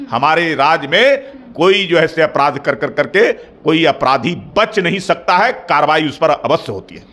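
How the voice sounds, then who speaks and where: A middle-aged man, speaking as a party spokesperson in a formal interview, measured and repetitive, building into firm claims. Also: fairly high pitch, pushed and bright. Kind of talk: formal political interview answers.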